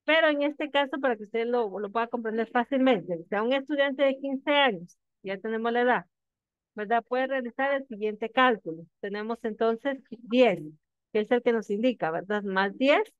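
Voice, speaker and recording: A fairly high-voiced woman teaches her class, walking through each step patiently and pausing to check that her students follow. Her voice comes through a thin, phone-like line with a dry, close sound and no room echo. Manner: patient explaining, frequent checking questions. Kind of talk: classroom lecture.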